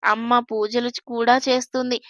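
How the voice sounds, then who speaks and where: A woman's voice: fairly high pitch, little pitch movement, moderate pace, fairly bright tone, no room sound, studio quality, natural voice. A woman voicing a timid innocent young girl. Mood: innocent fearful. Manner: anxious, innocent, chattering.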